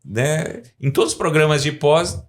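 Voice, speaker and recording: Here a man in his forties from Brazil, a professor and scientist appearing as a podcast guest, rambles through his explanations with frequent tag questions and a Brazilian Portuguese accent. His pitch leans high, his intonation is lively, and he talks a little slowly.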